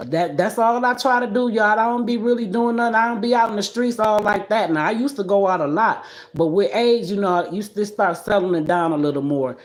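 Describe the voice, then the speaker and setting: A woman in her sixties hosts her own livestream and talks in a casual, blunt way. She scolds and trash-talks with plenty of energy. Her voice sits at a middle pitch. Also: fairly quick, hardly any pauses. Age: 60s. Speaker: livestream host.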